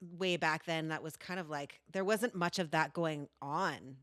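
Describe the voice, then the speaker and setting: A woman's voice: low-pitched, unhurried, a bit bright, no room sound, clean studio sound. A middle-aged woman hosting a podcast, chatting casually, swearing often and laughing easily. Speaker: podcast host. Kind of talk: casual chat.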